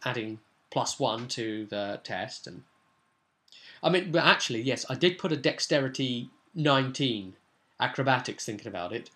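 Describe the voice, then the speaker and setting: A man with a medium-pitched, fairly bright voice talks informally and at length as a game master, explaining a tabletop session. His delivery is rambling, in the style of casual explanatory vlog talk.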